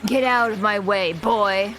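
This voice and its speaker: A woman's voice: medium pitch, a little slow, a bit bright, close to an everyday voice. A woman playing a menacing, gloating villain who commands darkness in a video game, with music behind.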